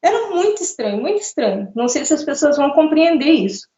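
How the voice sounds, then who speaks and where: A middle-aged woman giving an earnest, halting personal testimony, often repeating words as she speaks. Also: high voice, sing-song, warm tone. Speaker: interviewee telling a near-death experience. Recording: echoey, dull lo-fi room sound.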